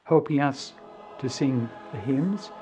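A man recounting past events in a measured, anecdotal way, on dull lo-fi audio. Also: mid-range voice, dark tone, soft background music. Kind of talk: casual reminiscing.

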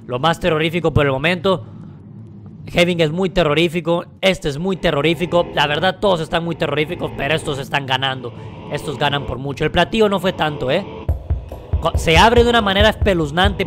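A man giving excited gameplay commentary, with frequent dramatic, startled shouts. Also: fairly high pitch, fairly quick, music in the background. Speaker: gaming YouTuber.

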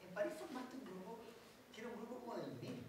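Male interviewer, quick prompting questions; rapid delivery, heard from far in a boomy room. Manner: quick prompting follow-ups. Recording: echoey room, far from mic, noisy.

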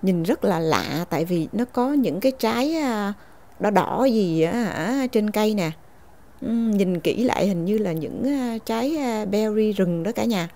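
Give me a woman narrating a casual vlog, filler-heavy, with a mellow, fry-tinged voice. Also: mid-range voice, lively intonation, measured pace. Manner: chatty, filler-heavy, exclaims at scenery. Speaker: vlogger. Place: outdoors in a snowy park, then at home.

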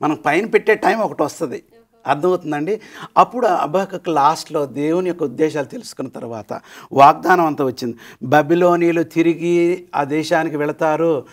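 A man's voice: fairly high pitch, fairly quick. A middle-aged man teaching in a Bible study discussion, telling the story with animation and dropping English phrases into his talk.

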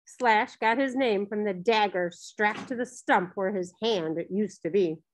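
A woman narrating a children's novel in a gentle storytelling manner. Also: medium pitch, a little slow, slight background noise. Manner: gentle storytelling, briefly voicing characters. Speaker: audiobook narrator.

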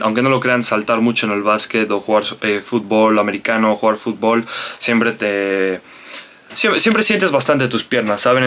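A man's voice: mid-range voice, fairly bright tone. A young man talking casually to his camera in a vlog, rambling and chatty with many asides and fillers. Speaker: vlogger.

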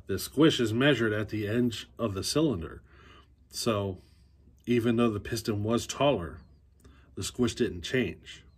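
This is a casual workshop tutorial on chainsaws, delivered in a basement by a man in his forties. His fairly low voice is unhurried with a breathy edge, and he talks comfortably to a close phone camera while thinking out loud, restarting and using fillers.

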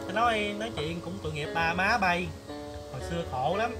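A man's voice: high voice, animated, fairly quick. A man playing a chatty, nosy older village flower seller woman with a Southern Vietnamese accent, exclamatory and gossipy in a comedy skit. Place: outdoors in a palm garden. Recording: loud background music.

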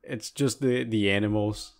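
A man's voice: lowish voice, fairly even intonation, normal speed, vocal fry. Laid-back podcast man. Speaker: podcast co-host. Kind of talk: casual chat.

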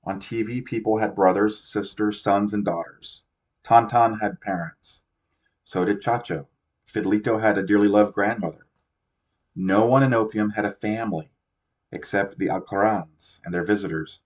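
In a dull lo-fi recording, a lowish-voiced man reads a novel for an amateur audiobook, moving at a moderate pace with fairly even intonation. Slips are frequent, and he keeps stopping to correct himself.

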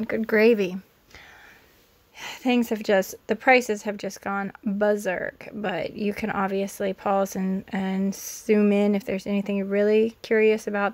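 A woman in her thirties talks casually through a grocery haul, filmed on a handheld phone. She is chatty and rattles off prices, often correcting herself mid-sentence. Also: medium pitch. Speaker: homesteading vlogger. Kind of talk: casual shop-with-me haul narration. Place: store aisles, then home kitchen. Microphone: handheld phone camera.

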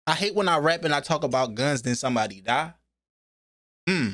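A man hosting a music reaction video, excitedly breaking off to repeat and unpack lyrics in casual commentary. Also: a little high, fairly quick, dry recording, clean studio sound. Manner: frequent "you know what I'm saying" filler.

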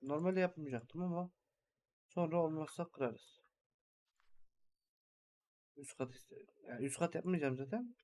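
Young man, gaming channel host, mellow voice, slightly high, rambling think-aloud commentary. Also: normal speed, pauses often. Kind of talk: casual game commentary.

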